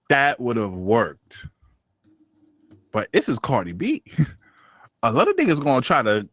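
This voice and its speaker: A man co-hosting a casual podcast, talking in animated bursts that swing between loud outbursts and low mumbles. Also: no echo. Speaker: podcast co-host.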